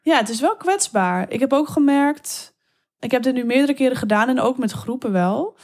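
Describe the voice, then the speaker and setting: A woman guest talking openly and eagerly in an interview, speeding up in quick bursts. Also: sits high, lively intonation, darkish tone. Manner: open, enthusiastic, quick bursts with laughs. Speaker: guest telling erotic stories. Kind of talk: interview conversation.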